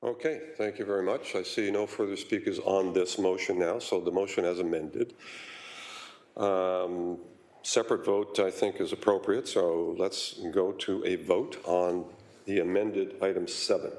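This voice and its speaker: A man serving as mayor, chairing a city council meeting in a measured way with frequent pauses and fillers. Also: low-pitched, fairly even intonation, darkish tone. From Canada.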